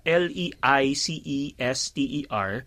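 A man's voice: mid-range voice, expressive, unhurried, a bit bright. A man hosting a casual radio chat, talkative and laughing often, trailing off with fillers. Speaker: radio host.

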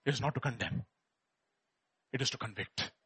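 Bright, forceful Indian-accented male preacher. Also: mid-range voice, moderate pace, breathy edge. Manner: emphatic, dramatic swings, repeating words, asking rhetorical questions. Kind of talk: animated sermon with personal testimony.

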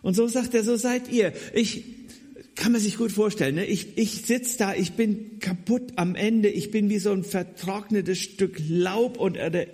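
Man giving a conversational Bible talk. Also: normal speed. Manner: conversational, addresses listeners directly, wry asides; voice swings between raised emphasis and quiet low asides. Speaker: preacher.

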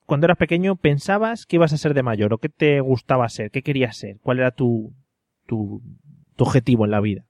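A man's voice: medium pitch, brisk, a little mellow, no room sound. Casting: male podcast host, teasing, keeps things moving, dry close sound. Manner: teasing, steers the topics. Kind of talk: casual chat.

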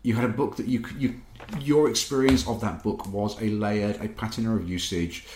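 A man's voice: fairly low pitch, fairly even intonation, darkish tone, a little hiss or hum. A man in a casual discussion, talking in long rambling sentences and correcting himself as he goes. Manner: rambling, self-correcting, talks fast. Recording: echoey room.

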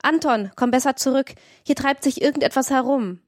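Lady playing an old carter guy bossing his crew around, calm but firm, dry audiobook read. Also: high voice, fairly quick, dry recording, pitched above the performer's own voice, lightly acted. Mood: worried. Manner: commanding, calm instructions. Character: old male carter, leader of the crew, level-headed.

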